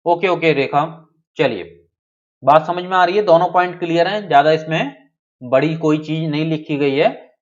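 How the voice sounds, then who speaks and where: A man's voice: a little high, normal speed. Man teaching a live online class, dull sound. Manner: checks in often, reads out student names.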